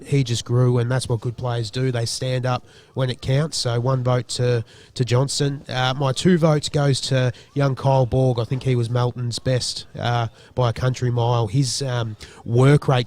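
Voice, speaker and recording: An Australian man talking through a country football match after the final siren, in the loose, chatty way of a post-match wrap. He pauses often on ums and restarts his sentences as he works his way through his points. His voice sits at an ordinary middle pitch for a man. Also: a little mellow. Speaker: football commentator. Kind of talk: post-match commentary chat.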